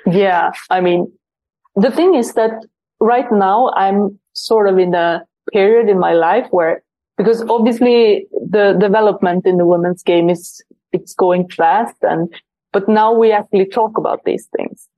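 A woman's voice: mid-range voice, a little slow. A woman hosting a podcast, chatting casually and repeating words as she searches for what to say. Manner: animated, repeats words while searching for them. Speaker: podcast host. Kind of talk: casual interview chat.

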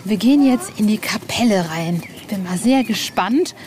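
The podcast host, a woman with a dark-toned, mid-range voice, sounds animated and keeps a moderate pace. She strolls around a castle for a casual reportage, chatty and curious, with the noisy location recording full of background ambience.

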